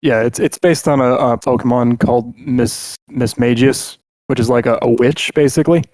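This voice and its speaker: A man's voice: medium pitch, moderate pace, darkish tone, no room sound. A man hosting a podcast, musing casually with hesitant restarts. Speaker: podcast host. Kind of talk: casual chat.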